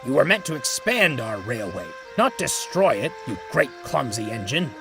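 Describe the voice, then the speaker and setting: A man's voice: medium pitch, very animated, normal speed, music in the background. A man voicing an indignant, stern male steam engine in a children's story, fuming and scolding.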